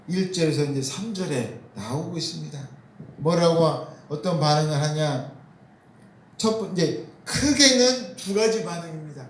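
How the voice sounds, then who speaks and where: Male pastor, high voice, rhetorical questions, repeats key words, echoey church room. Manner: asks the congregation questions and answers them himself; repeats key phrases for emphasis. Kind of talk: sermon. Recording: roomy echo.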